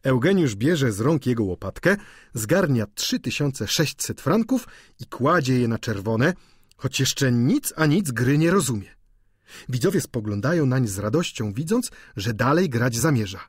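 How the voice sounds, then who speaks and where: A male audiobook narrator reading a classic novel in a measured storytelling manner. His mid-pitched voice rises and falls expressively and has a slightly husky grain. It is recorded close in a dry studio. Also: animated, dry recording. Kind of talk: scripted literary narration. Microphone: studio microphone, close.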